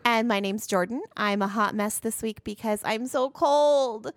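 A woman's voice: on the high side, measured pace, dry recording. A woman chatting casually as a co-host of a podcast. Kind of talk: casual chat.

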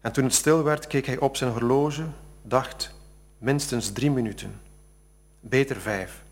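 Man, author, gravelly, reading his own prose aloud, halting when speaking freely. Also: mid-range voice. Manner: halting, with many fillers when talking freely.

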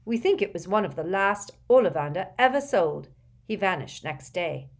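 A woman voicing an earnest, clumsy teenage boy wizard, talking loudly and eagerly. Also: mid-range voice, animated, normal speed. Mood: proud.

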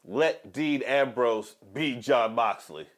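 A man's voice: mid-range voice, takes it slowly. A man in casual podcast chat, talking in slangy, profane, joking banter. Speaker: podcast host. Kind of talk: casual chat about pro wrestling.

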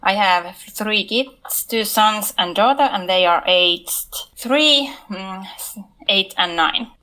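A woman's voice: medium pitch, slow pace, sharp tone, low-quality recording. A woman from Finland speaking English with a Finnish accent as a non-native speaker, chatting carefully on a podcast. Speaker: podcast panelist. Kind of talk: casual podcast chat.

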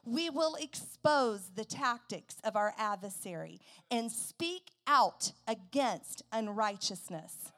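A woman preaching in a church service with a high voice. She speaks slowly and deliberately, stressing each phrase. Her lines swell into loud, forceful declarations. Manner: declaiming a war-like declaration, slow and emphatic, rising to loud shouts. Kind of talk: sermon.

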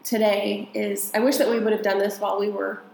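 A woman's voice: mid-range voice, little pitch movement, a little fast, creaky, a little mellow, roomy sound, low-quality recording. A woman from the United States, co-hosting a podcast in rambling casual chat, often laughing. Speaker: podcast co-host.

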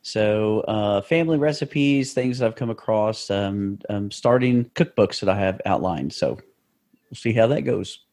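A man's voice: lowish voice, a little slow, a little mellow. A man co-hosting a casual podcast, upbeat and playful. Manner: upbeat, playful, laughs often. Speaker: podcast co-host.

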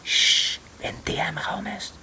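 A woman's voice: deep voice, expressive, a little fast, background noise. A woman voicing a nervous, fussy young male witness in a radio play, indignant and anxious. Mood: fearful whisper. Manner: indignant, jittery, whispers in fear.

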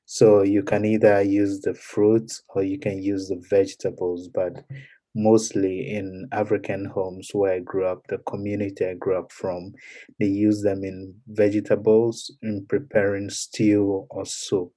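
A young man with a Ghanaian accent, a guest in a podcast interview, speaking in a measured way with frequent pauses and fillers. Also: fairly low pitch, flat delivery, mellow. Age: young adult.

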